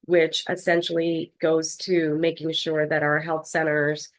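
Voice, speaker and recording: A woman leading a health department, presenting slides to a board over a video call in a measured way with frequent fillers. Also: low voice, flat delivery, poor audio. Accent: Philadelphia. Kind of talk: formal online meeting presentation.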